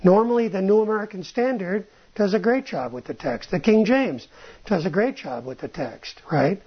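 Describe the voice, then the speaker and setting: The audio is dull and lo-fi, carrying a husky, mid-range voice with lively intonation at a normal speed. It's a Bible teacher speaking informally, often restarting phrases, thinking aloud, and closing points with a questioning "right?"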